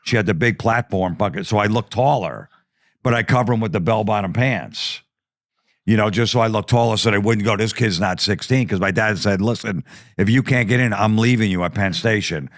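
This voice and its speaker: A man's voice: fairly low pitch, brisk, no room sound, clean studio sound. A man telling a comedic story on a podcast, swearing freely and acting out the voices of people in it. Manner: animated, profane, acts out quoted voices. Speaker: podcast guest.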